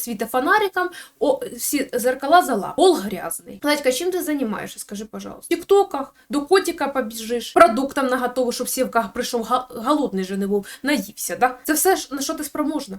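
Woman ranting fast, snarky and crude, gossip commentary. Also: sits high. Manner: scolding, sarcastic, crude. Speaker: commentator on bloggers.

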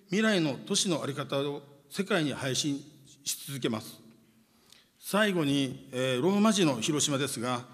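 A man with a fairly high voice delivers a formal speech at a podium, measured and punctuated by long hesitation sounds. His words ring out with a long hall reverb. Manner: measured, with frequent drawn-out "eh" fillers. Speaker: city mayor giving a speech. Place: large conference hall.

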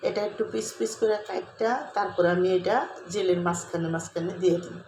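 A hoarse woman talks viewers through a cooking demonstration, chatty and repetitive, often asking them to look. Her voice stays fairly flat. The sound is roomy and echoey, with a faint hum of ambience behind her. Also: on the low side, brisk. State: hoarse from a cold. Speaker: cooking vlogger. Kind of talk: casual step-by-step cooking demonstration.

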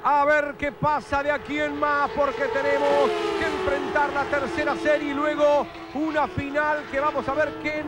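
A man with an Argentine accent giving urgent, excitable live motorsport commentary, often repeating his phrases as the race's lead commentator. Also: very high voice. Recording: loud engine and track noise behind.

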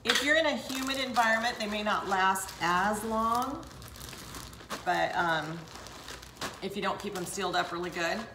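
A woman's voice: mid-range voice, unhurried, echoey room, noisy background. An older woman hosting a home cooking demonstration, chatting straight to her viewers as she works in her kitchen. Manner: chatty, talks straight to viewers while working. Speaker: cooking show host.

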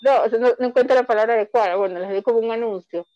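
A woman's voice: fairly high pitch, racing, no room sound, muffled recording. A woman from Ecuador, a comic author, presenting her books in a rambling, chatty way with many restarts over call audio. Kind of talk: online book fair presentation.

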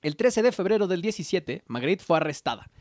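A young man with a Mexican Spanish accent narrates a history tale in a relaxed, joking podcast style. His voice sits a bit high and is recorded close and dry, with no room sound. He keeps slipping into slangy character voices as he goes. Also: a little fast, no echo. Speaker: podcast co-host telling a history story. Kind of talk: casual comedic storytelling.

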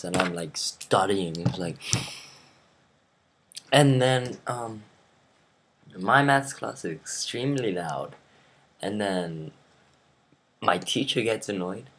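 A man's voice: deep voice, a bit bright. A teenage boy ranting casually to his camera as a vlogger, rambling with lots of ums and false starts. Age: teens.

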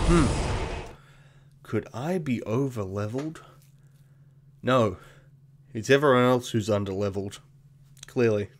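A man with a lowish voice talks through his game run in a loose, offhand way. His humor is dry and self-mocking, and he drops the odd swear word without fuss. A faint hiss sits under his voice. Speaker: let's play host. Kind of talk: casual gameplay commentary.

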